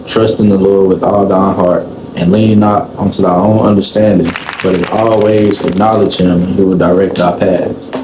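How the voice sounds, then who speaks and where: A man in his twenties hosting a casual podcast chat, explaining things slowly and often asking "you know what I'm saying". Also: sits low, flat delivery. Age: 20s. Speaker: podcast host. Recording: echoey room, faint room noise.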